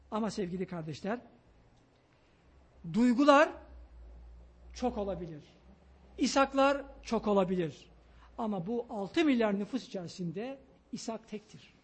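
Excitable loud guy preaching to the congregation, pleading and emphatic. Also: high voice, slightly rough. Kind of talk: sermon on parenting.

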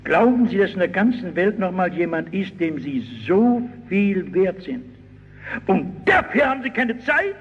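A man's voice: high voice, measured pace, breathy edge. A middle-aged male preacher giving a sermon, telling stories vividly and crying out the voices of the people in them. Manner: animated storytelling, shouting out quoted cries. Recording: dull old hall recording with long reverb.

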